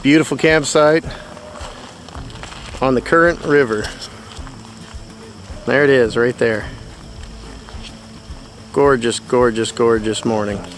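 A middle-aged man vlogging outdoors on a river with a phone held at arm's length, relaxed and upbeat, full of fillers. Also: medium pitch, takes it slowly, long pauses, soft background music, poor audio. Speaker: outdoor instructor. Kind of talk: casual vlog narration.

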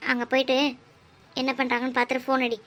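A woman's voice: high voice, monotone, fast talker, fairly bright tone. A woman voicing a fretful mother in a cartoon who grumbles about her grown daughters. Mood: scolding. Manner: complaining, grumbling to herself.

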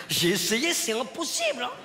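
A male stand-up comedian in his thirties, telling stories on stage with lively, animated delivery and sudden shouted bits. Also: very high voice, measured pace, slight background noise. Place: large concert hall. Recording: echoey hall recording with loud crowd. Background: audience laughing.

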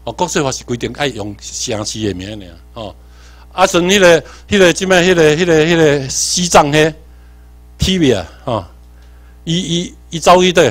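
A man from Tainan with a Taiwanese accent, giving an animated workshop lecture, quizzing the audience and swinging between emphatic and muttered asides. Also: fairly high pitch, moderate pace. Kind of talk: seminar lecture mixing Hokkien and English terms.

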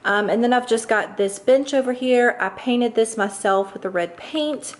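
A woman's voice: a little high, moderate pace. A young woman, chatting casually and upbeat while showing her home on a handheld camera. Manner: chatty, upbeat, lots of fillers. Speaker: lifestyle vlogger. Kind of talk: casual home tour chat. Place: large home kitchen and dining room, indoors. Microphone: handheld camera mic.

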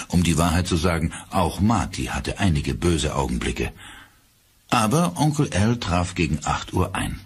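A man narrating a horror audiobook in a dramatic, expressive storytelling manner. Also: sits low, slightly rough.

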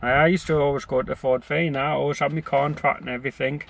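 A man's voice: mid-range voice, fairly even intonation, quick pace, gravelly, fairly bright tone. A man, a car owner chatting in a blunt, laid-back way full of swearing. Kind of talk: casual chat. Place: outdoors by a car. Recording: outdoor street noise.

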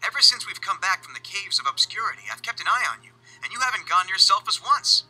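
Cartoon angel mentor: earnest, guarded, sharp forward voice. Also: male voice, sits high, very animated, fast talker, breathy edge, soft background music, full character voice, poor audio. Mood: approving. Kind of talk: animated series dub acting.

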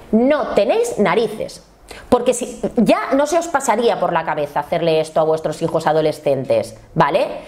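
A woman with an accent from Spain giving blunt, opinionated commentary, her pitch sitting a little high and jumping around a lot. She sounds indignant and addresses her viewers directly and frankly. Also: darkish tone. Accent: Spain Spanish. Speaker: commentary channel host.

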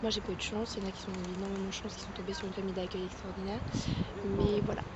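A woman's voice: mid-range voice, level tone, racing, a loud crowd. A young woman chatting casually while giving a tour of her home, with plenty of fillers and asides. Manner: chatty, coos at her dog. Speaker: vlogger.

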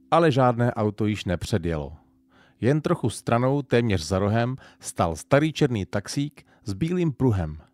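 A man with a Silesian accent reading an audiobook in an expressive storytelling style. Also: on the low side, dry recording, clean studio sound. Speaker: audiobook narrator. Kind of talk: scripted narration.

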